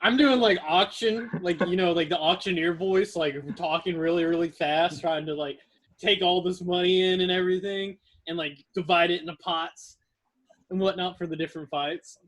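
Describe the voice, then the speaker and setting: A man's voice: high-pitched, steady tone, normal speed, a bit bright. A man playing in a tabletop game, playful and scheming. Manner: playful, scheming, laughs often. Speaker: player. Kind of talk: casual tabletop play.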